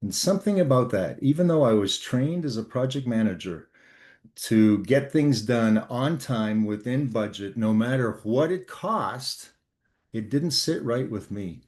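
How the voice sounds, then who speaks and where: In this storytelling interview, a Canadian leadership author in his later years recounts a workplace experience with earnest deliberation. His darkish, mid-range voice has lively intonation, broken up by frequent pauses and fillers.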